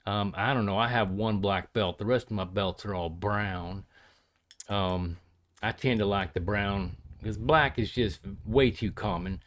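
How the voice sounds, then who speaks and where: A man's voice: fairly low pitch, steady tone, measured pace, a bit bright. A man chatting casually to viewers as a hobbyist crafter, in a folksy, hesitant, rambling way. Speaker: pipe hobbyist and leather crafter showing his work. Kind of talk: casual vlog chat to viewers.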